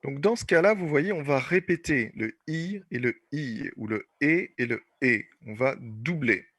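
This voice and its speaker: A man's voice: mid-range voice, measured pace, a bit bright, breathy edge, dry recording. A man teaching an online class, explaining patiently and repeating points with many fillers. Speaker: French teacher.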